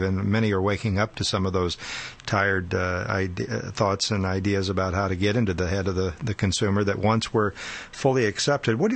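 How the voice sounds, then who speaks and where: A man's voice: low voice, vocal fry. A man co-hosting a radio show, asking long questions with many fillers and restarts. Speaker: co-host.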